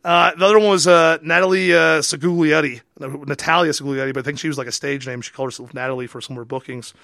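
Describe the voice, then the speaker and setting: Man, podcast co-host, rapid and gravelly, joking gossip, dry studio mic. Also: fairly high pitch, steady tone, bright, forceful tone, no echo. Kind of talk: casual chat.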